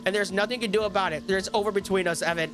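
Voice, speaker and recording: A man's voice: sits high, steady tone, rapid-fire, voice pushed up, close to an everyday voice. A man voicing a scornful female spirit who ends a romance, reading her lines in a bitter, accusing way, with faint music behind him.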